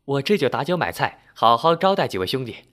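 A man storyteller voicing a flustered, quick-tempered young village wife who exclaims and turns shrill when upset. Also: big pitch swings, fairly bright tone. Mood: delighted.

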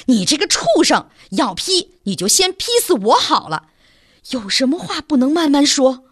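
A woman's voice: on the low side, lively intonation, moderate pace, dry recording, studio quality. A woman voicing an old village mother who scolds her son and coaxes a frightened girl in a storybook reading. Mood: scolding. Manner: scolding yet coaxing. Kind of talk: storybook narration.

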